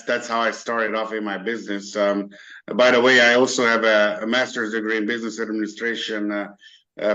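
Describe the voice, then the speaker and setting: A man's voice: fairly low pitch, fairly bright tone. Guy in his 30s, interview guest, lots of ums and restarts, kinda dull lo-fi sound. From Hungary. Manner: hesitant, many fillers and restarts, earnest. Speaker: interview guest, business owner. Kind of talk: casual interview.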